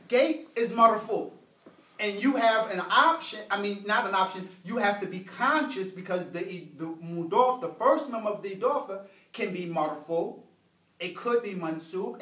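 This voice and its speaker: A man's voice: sits high, fairly bright tone. A man teaching Arabic grammar to a small class, patient and explaining with everyday examples. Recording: echoey room, mic far off.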